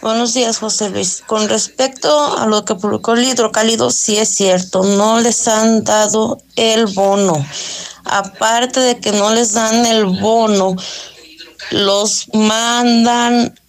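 A woman's voice: fairly high pitch, steady tone, slow pace. A Mexican woman phoning in to a radio show and speaking conversationally. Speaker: phone-in caller.

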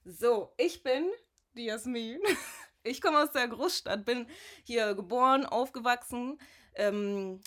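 A woman in her twenties co-hosting a casual podcast, loud and outgoing, often laughing as she talks. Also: a little high, takes it slowly. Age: 20s. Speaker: podcast co-host. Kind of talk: casual chat.

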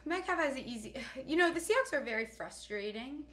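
A woman's voice: sits high, expressive, moderate pace, fairly bright tone. A woman co-hosting a casual fantasy football show, giving her opinions bluntly and playfully. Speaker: co-host.

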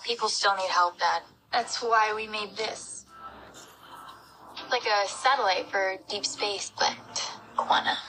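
A woman's voice: mid-range voice, slow pace, bright, forceful tone, rough recording. An actress playing an earnest, determined young woman, asking questions in film trailer dialogue.

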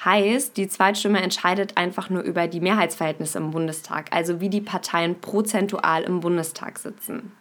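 A young adult woman hosts a podcast, delivering a scripted intro and explainer while addressing her listeners directly. Her voice is lowish but fairly bright, with fairly even intonation, normal speed, and hardly any pauses.

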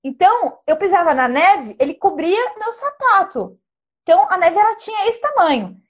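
A young woman telling a dramatic personal travel story in casual, animated chat. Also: extremely high pitch, moderate pace. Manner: lively, animated, dramatic retelling with gestures.

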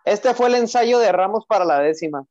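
A man's voice: high-pitched, lively intonation, brisk, darkish tone, no room sound. A young man co-hosting a football podcast as an emotional fan, chatting casually and repeating his phrases. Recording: roomless dry, slightly dull lo-fi audio.

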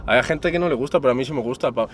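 A man's voice: medium pitch, rapid-fire, a little hiss or hum. A young man from Spain, an interview guest chatting casually in a car, using lots of street slang and calling the host brother and cousin. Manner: relaxed street slang, says "hermano" and "primo" constantly.

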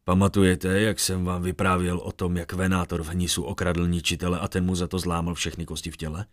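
A man's voice: deep voice, flat delivery, no room sound, studio quality, natural voice. A man voicing a wary young male adventurer.

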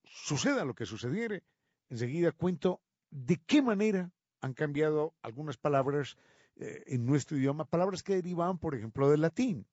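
A man presenting a radio segment on how words changed from Latin, drawing out each example word slowly and with emphasis. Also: on the high side, animated, darkish tone, no room sound, lo-fi sound. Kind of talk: explanatory talk on word origins.

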